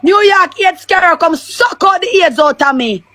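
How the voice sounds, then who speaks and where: Rich: A very high, piercing Jamaican woman shouts taunts over and over in a heated live-stream quarrel. Her voice is bright and sharp as she hurls crude insults in thick patois. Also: animated, normal speed, no echo.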